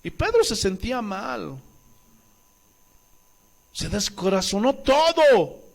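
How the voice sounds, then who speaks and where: A man from Bolivia preaching a sermon as pastor, animated, acting out voices and questioning the congregation. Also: high-pitched, takes it slowly, creaky.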